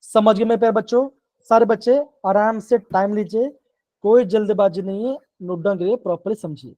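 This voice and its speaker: A man's voice: sits high, brisk, dark tone, dry recording. A man teaching chemistry in a live online class, explaining step by step, repeating himself and often checking that the students follow. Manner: coaxing, keeps checking in with the class.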